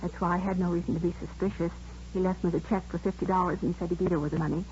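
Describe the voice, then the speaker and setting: In a 1950s radio drama, an actress plays a talkative, proper, aggrieved woman who runs a nursery school, sounding indignant, chatty, and earnest. Her natural, lowish voice holds a steady tone and races along, a little mellow. The recording sounds like muffled old radio with faint noise.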